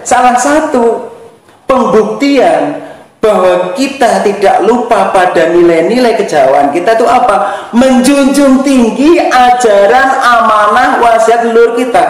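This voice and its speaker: A man from Java with a Javanese accent, giving an emphatic teaching talk and repeating his key phrases. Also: sits high. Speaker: spiritual teacher. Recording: very echoey room.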